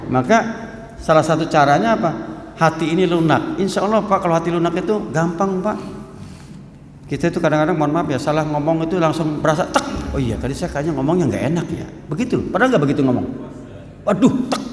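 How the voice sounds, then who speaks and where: A man's voice: on the high side, a little hiss or hum. A man giving a hadith study sermon in a mosque. He talks in a joking, conversational way and reads Arabic lines before explaining them. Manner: jokey, conversational, quotes Arabic then explains. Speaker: preacher. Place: mosque hall. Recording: echoey hall with faint ambience.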